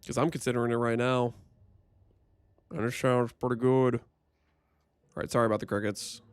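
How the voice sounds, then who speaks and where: A man's voice: mid-range voice, level tone, moderate pace, clear, resonant tone, no echo. Man streaming on a dry headset mic. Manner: chatty, joking, thinks aloud to chat. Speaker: livestreamer. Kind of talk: casual gameplay commentary.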